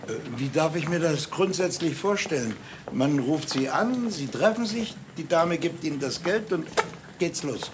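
An actor playing a level-headed police detective in a crime drama, dry and matter-of-fact. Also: male voice, fairly high pitch, lively intonation, a little slow. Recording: noisy TV soundtrack.

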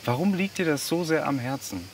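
A man talking casually on camera outdoors, chatting and asking questions in an excited way. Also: a little high, brisk, a little hiss or hum. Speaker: vlogger interviewing locals.

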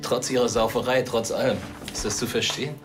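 A man's voice: medium pitch, steady tone, brisk, music in the background, natural voice. A man playing a protective father under questioning, defensive, terse and aggrieved.

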